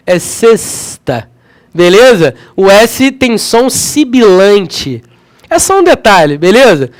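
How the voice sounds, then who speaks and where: In a dry recording, a man with a high voice and a Rio de Janeiro Portuguese accent teaches grammar in an energetic classroom. Originally from Rio de Janeiro, Brazil, he chats freely and keeps checking on his students.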